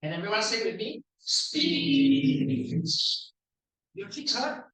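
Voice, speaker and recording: A man with a Singaporean accent who evaluates language at a speaking club, coaching the room on pronunciation in a playful way and drilling words aloud slowly. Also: sits high, animated, pushed and bright, far from the mic. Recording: echoey room, voice from off the mic.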